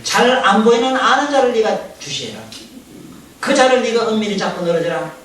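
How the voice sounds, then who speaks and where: A man with a giving a Buddhist sermon, animated and full of rhetorical questions put straight to his listeners. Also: high voice, brisk. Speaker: Buddhist dharma teacher. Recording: very echoey, distant mic, faint hiss.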